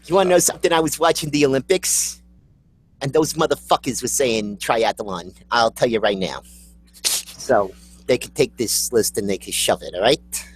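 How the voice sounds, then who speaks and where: A man co-hosting a casual chat, wry and halting, with many fillers. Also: mid-range voice, animated, low-quality recording. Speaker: co-host.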